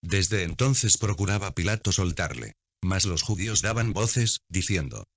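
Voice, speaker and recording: Low-voiced man reading scripture steadily. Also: lively intonation, measured pace, no echo. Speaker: Bible reader. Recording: dull, dry lo-fi recording.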